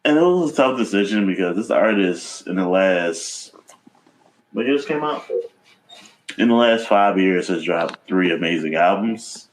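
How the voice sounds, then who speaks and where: A man co-hosting a casual music podcast, swearing freely and telling stories with animated energy. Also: deep voice, measured pace, rough recording. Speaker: podcast co-host. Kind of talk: casual chat.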